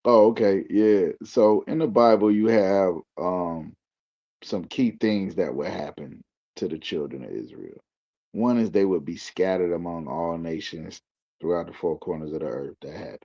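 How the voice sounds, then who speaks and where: Low husky guy with a gravelly edge, talks slangy and loose like he's preaching, dull lo-fi audio. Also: moderate pace, warm tone. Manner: loose slang-heavy talk, preacherly build. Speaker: guest. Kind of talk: casual explaining. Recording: dull lo-fi recording.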